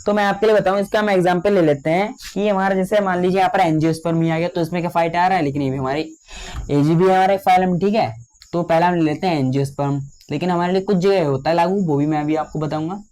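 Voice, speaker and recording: A young man teaching a biology lecture, slowly spelling out key terms for note-taking and often calling his students children. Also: high voice, fairly even intonation, a little mellow. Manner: slow, drawn-out dictation of key terms; repeats fillers addressing students as children.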